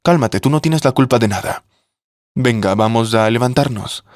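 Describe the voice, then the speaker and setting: A man's voice: mid-range voice, normal speed, darkish tone, no echo, clean studio sound, natural voice. A man voicing a young man who awkwardly tries to comfort a grieving widow. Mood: consoling. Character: young man consoling his stepmother, awkward.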